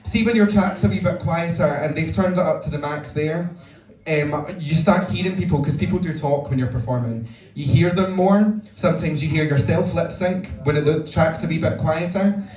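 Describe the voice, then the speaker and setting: A Scottish man with a high voice gives a stage critique as a judge. He is blunt, jokey and sweary, heard at some distance in an echoey venue. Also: moderate pace, darkish tone. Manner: blunt, joking, sweary judging. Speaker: judge at a drag competition. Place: roomy live venue with audience.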